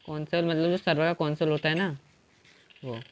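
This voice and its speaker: A man streaming a multiplayer game live, chatting casually and shouting at the other players. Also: on the high side, steady tone, moderate pace. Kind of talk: casual gaming livestream chat.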